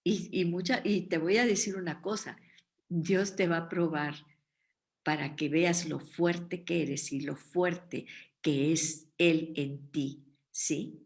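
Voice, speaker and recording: A woman teaching a Bible study in an earnest tone, often pausing to check in with her listeners. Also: fairly low pitch, steady tone, vocal fry.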